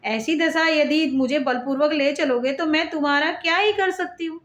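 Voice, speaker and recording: A woman reading as a calm, playful goddess. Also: high-pitched, normal speed. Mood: gently teasing. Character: calm, playful mother goddess feigning meekness.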